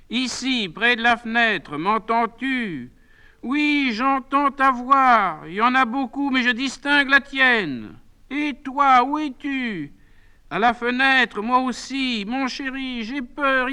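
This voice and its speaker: A man's voice: very high-pitched, sharp tone, smooth, heavily acted. A man reading a play aloud and voicing a frail, fretful very old woman who asks plaintive, anxious questions.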